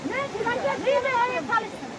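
A woman at an outdoor protest, complaining in rapid, tumbling speech. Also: very high-pitched, lively intonation. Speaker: local protester. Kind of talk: heated complaint. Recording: loud crowd and outdoor noise.

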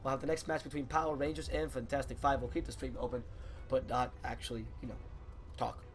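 A man with a raspy, hoarse voice, commentating a live online game match as its caster. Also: medium pitch, slight background noise. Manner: builds to fast excited shouting during fights. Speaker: esports caster.

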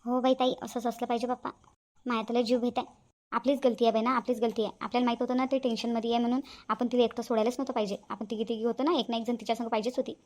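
Cartoon role: a woman voicing a high, fast, exclaiming village daughter-in-law. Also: little pitch movement, darkish tone, lightly acted. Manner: exclaiming, gossipy. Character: chatty young village daughter-in-law, fussing. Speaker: cartoon voice actress. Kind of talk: cartoon family drama dubbing.

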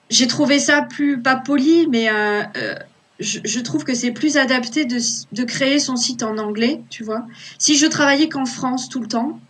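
An archaeological illustrator in her thirties talks casually over a video call from a small room at home, using her laptop webcam. Her medium-pitched voice carries many fillers and restarts, with slight background noise.

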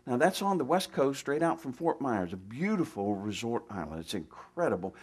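A man's voice: medium pitch, sing-song, moderate pace, husky. A male pastor giving a folksy, conversational sermon in a church, full of restarts and asides. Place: church sanctuary.

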